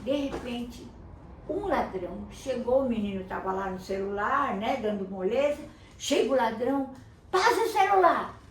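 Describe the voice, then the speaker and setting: An older woman with a slightly high voice tells a children's story, lively and playful, lending each character its own voice. She sounds far from the mic in an echoey room, with faint ambient noise behind her. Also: normal speed. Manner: animated, voices the characters with rising pitch.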